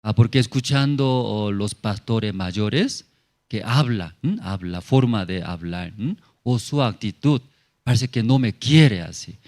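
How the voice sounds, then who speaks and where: A man's voice: fairly low pitch, expressive, a little slow, a little mellow. A male pastor giving a sermon testimony in simple, broken phrasing, often checking in with tag questions. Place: church in La Paz.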